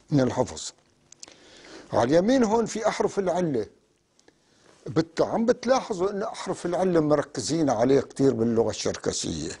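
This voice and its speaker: Male teacher, raised pitch, patient and deliberate delivery. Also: gravelly, mellow, breathy edge. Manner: slow, deliberate spelling-out of sounds. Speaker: language teacher. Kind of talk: classroom lesson.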